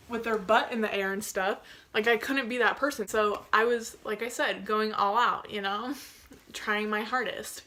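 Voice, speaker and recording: A young adult woman with a mid-range, fairly bright voice tells her own story as a video creator. Her casual, gossipy storytime is chatty and self-mocking, jokey in delivery, and heavily peppered with "like."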